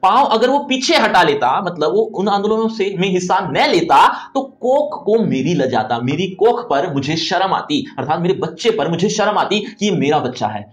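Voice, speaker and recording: Male teacher with a higher, lively voice, glossing a poem for students and answering his own questions. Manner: explains each line slowly, repeating meanings with simple glosses. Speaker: Hindi teacher. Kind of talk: poetry lesson explanation.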